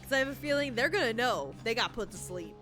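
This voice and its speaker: A woman's voice: on the high side, lively intonation, fast talker, pushed and bright, faint music behind. A woman streaming a game, joking and chatting with viewers in casual commentary.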